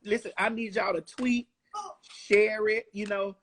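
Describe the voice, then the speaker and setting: A woman's voice: medium pitch, fairly even intonation, measured pace, crowd noise. A woman in her forties giving an interview in a blunt, emphatic, profane way. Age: 40s. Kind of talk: casual interview chat.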